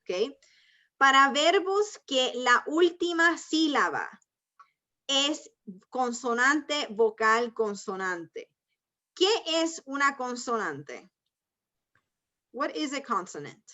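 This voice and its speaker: Female teacher, bright, higher-pitched voice, patient and methodical, lo-fi call audio. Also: lively intonation, takes it slowly, long pauses. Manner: patient, explains step by step, mixes Spanish and English. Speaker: ESL teacher. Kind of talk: online class teaching. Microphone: video call. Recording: dull lo-fi video call audio.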